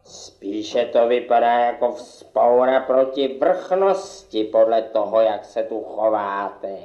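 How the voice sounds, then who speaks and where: A man's voice: medium pitch, mellow, muffled recording, close to an everyday voice. A man playing a pompous, lordly estate steward in a puppet theatre play. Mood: stern, suspicious. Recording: echoey room.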